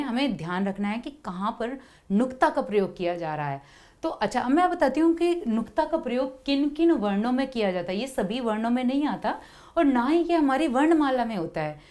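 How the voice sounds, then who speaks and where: A woman teaching young children, explaining slowly and patiently, repeating letter sounds and pausing on fillers. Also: on the high side, big pitch swings, darkish tone. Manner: frequent hesitation fillers. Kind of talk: Hindi lesson for children.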